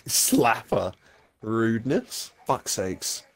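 A man in casual gaming banter who gets excitable and shouts out callouts to his teammates. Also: on the low side, very slow. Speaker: gamer playing with friends.

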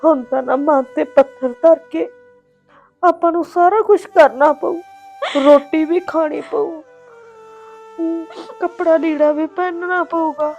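A woman's voice: sits high, fairly even intonation, slow pace, vocal fry, long pauses, a little mellow, soft background music, heavily acted. A woman playing a grieving, tearful mother. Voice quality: tearful, wailing lament. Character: grieving middle-aged mother, tender and weary. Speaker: mother consoling her family. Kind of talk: emotional village drama acting.

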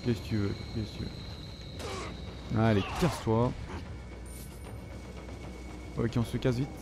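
A French gamer with a mid-range voice gives let's play commentary on his own gameplay at an unhurried, steady pace. He swears and reacts as he plays, against a noisy background.

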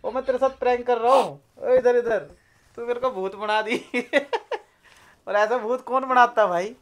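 A man's voice: very high voice, unhurried. A man hosting a home vlog, laughing and teasing his wife, then addressing viewers. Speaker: vlog host.

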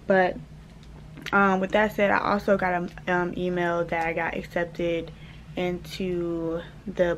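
A woman's voice: medium pitch, a little hiss or hum. A young woman, chatting casually to her vlog viewers, rambling and calling them y'all. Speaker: vlogger. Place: at home.

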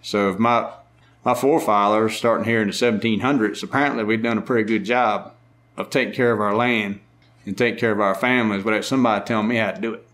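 A middle-aged man with a strong Maryland Eastern Shore accent, a farmer talking casually in an interview with a drawn-out, unhurried way of speaking. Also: fairly low pitch, fairly even intonation, a bit bright. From lower Eastern Shore of Maryland. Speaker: farmer and market owner.

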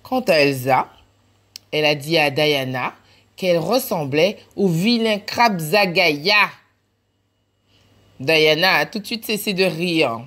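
A woman's voice: low voice, takes it slowly, long pauses. A woman reading a children's picture book aloud for a library, acting out laughs and cries as she goes. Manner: animated, acts out laughs and cries. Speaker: library storyteller.

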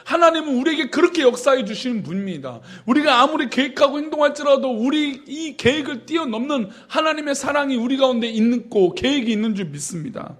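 A man with a high voice preaching a sermon. He reads scripture aloud and breaks into lively, indignant acted-out quotes. His delivery rises and falls with emphasis throughout. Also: brisk, few pauses. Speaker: pastor.

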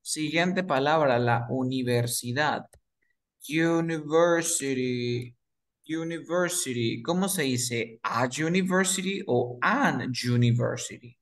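Spanish-speaking man as a patient English tutor, unhurried, repeats words and quizzes the listener. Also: mid-range voice, fairly bright tone. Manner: repeats words slowly, asks and answers his own questions. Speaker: English teacher. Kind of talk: explaining grammar to beginners.

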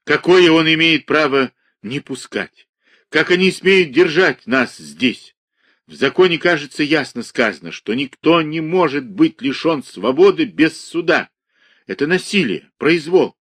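A man voicing an agitated, rebellious male asylum patient who shouts indignantly in an audiobook reading. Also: fairly low pitch, very animated, slow pace, slightly rough, no echo, clean studio sound, heavily acted. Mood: furious.

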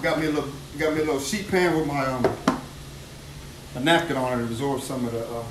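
Speaking quickly in a steady, mid-range voice, a chef from New Orleans keeps up exuberant live-stream chatter and repeated phrases while cooking at home. The recording comes from a phone camera moved about the echoey kitchen at a distance, with food frying and sizzling noisily behind him.

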